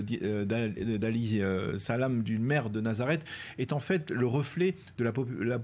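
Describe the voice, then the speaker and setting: Mid-pitched male analyst on a news panel, careful, halting, lots of fillers. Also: a little mellow. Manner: measured and hesitant, many pauses and fillers. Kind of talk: TV news debate.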